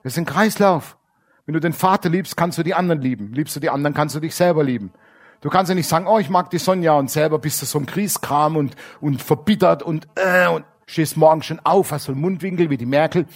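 A man preaching a lively, colloquial sermon, switching between loud emphasis and quiet asides. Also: fairly high pitch, fast.

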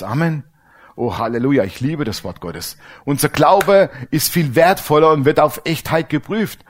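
Middle-aged male pastor, animated sermon delivery, acts out conversations. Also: mid-range voice. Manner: lively preaching, acts out dialogues.

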